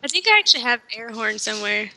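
A woman playing along in a casual gameplay chat, playful and giggly with quick reactions. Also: a little high, very animated, bright, forceful tone, slight background noise, low-quality recording. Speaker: gaming co-player.

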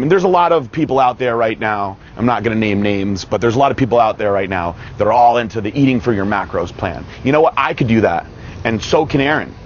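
A man in his thirties coaching outdoors in a parking lot, speaking confidently and emphatically on a lapel mic. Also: mid-range voice. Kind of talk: casual outdoor interview. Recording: dull audio with faint outdoor noise.

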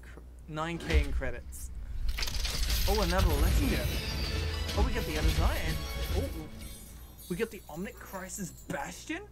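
A man chatting excitedly as he opens loot boxes in a game, with frequent delighted exclamations and chuckles. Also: on the high side, normal speed, long pauses. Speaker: gaming video creator. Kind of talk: live commentary on opening game loot boxes. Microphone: desktop computer microphone. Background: loud game music.

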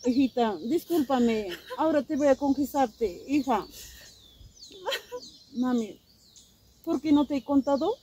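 A woman's voice: sits high, a little slow, long pauses, dark tone, slight background noise. A woman playing a tender, guilt-stricken mother soothing her daughter outdoors in the countryside. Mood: apologetic. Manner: soothing, apologetic.

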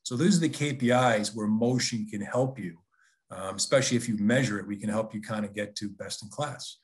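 A man's voice: lowish voice, fairly quick. A man giving a business webinar presentation in a conversational, persuasive way, often restarting his sentences.

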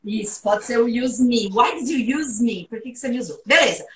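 A woman giving a private English lesson, lively and playful as she runs question drills. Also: on the high side, fairly quick, recorded from a distance. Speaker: English teacher.

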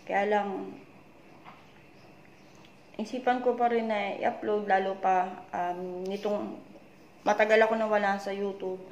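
Woman from the Philippines, confiding vlogger, subdued low voice, roomy echo. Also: fairly even intonation, slow pace, long pauses, lo-fi sound. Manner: retells conversations, repeatedly tagging them with "she said"; worried, confiding tone. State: voice low and weak. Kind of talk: personal story-time vlog. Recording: echoey room with faint background noise.

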